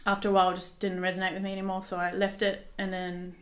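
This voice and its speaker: A woman from Australia and Israel, a visual artist, chats casually as a guest in an interview in a home living room. Her mid-range voice is monotone and fast, and she often hesitates while searching for words. A desktop microphone sits on the table.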